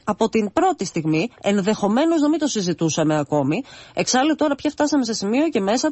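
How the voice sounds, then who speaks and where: A woman's voice: medium pitch, a little mellow, no echo. A woman, a radio journalist hosting an interview, pressing her guest assertively and cutting in for answers.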